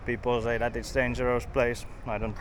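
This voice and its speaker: A man's voice: medium pitch, flat delivery, moderate pace. A man from Finland, giving loose, rambling walking commentary outdoors on city streets, full of "like" and "uh". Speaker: travel vlogger. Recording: outdoor street noise, passing traffic.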